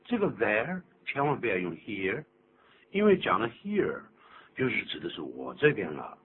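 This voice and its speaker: An older man hosting a radio English lesson, explaining phrases in an animated, teacherly way. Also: fairly low pitch, moderate pace. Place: radio studio. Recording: tinny lo-fi radio broadcast with faint hum.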